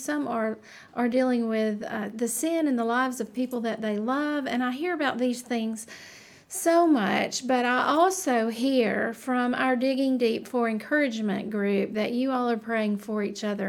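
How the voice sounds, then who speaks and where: Higher-voiced woman hosting. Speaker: podcast host of a women's Bible study. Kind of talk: conversational hosting.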